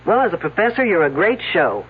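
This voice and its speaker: An actress voices a brash female detective in a radio drama, shrewd, sarcastic, wisecracking and commanding, her mood mocking and confident. She speaks low, a little fast, very animated, slightly rough and exaggerated. The recording is a muffled old radio broadcast.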